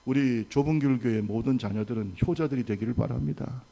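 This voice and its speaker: A male pastor preaching a sermon to his congregation, with call-and-response and rhetorical questions, swinging from loud exhortation to soft asides. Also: mid-range voice, brisk, vocal fry, highs cut off. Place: church sanctuary.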